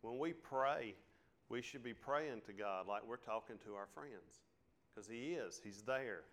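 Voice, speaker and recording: A man's voice: mid-range voice, measured pace, fairly bright tone. A man preaching a sermon in a Southern American country drawl, in a folksy, down-home way. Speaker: pastor.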